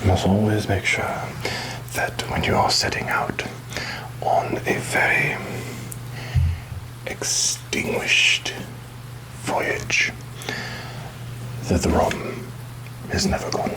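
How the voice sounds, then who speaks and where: A man's voice: lowish voice, wildly swooping pitch, heavily acted, poor audio. Man playing whispering Captain Jack Sparrow, roguish pirate. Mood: sly, instructive. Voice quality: breathy whisper. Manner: halting, deliberate, mock-grand phrasing. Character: roguish, rum-obsessed pirate captain, wary and theatrical. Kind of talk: whispered ASMR roleplay, addressing the listener.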